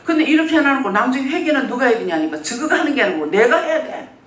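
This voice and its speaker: A pastor preaching a sermon in a church, telling stories and acting out what people said. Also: quick pace. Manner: lively storytelling, acts out quoted speech. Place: church sanctuary. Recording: roomy church hall, mic at a distance, faint rumble.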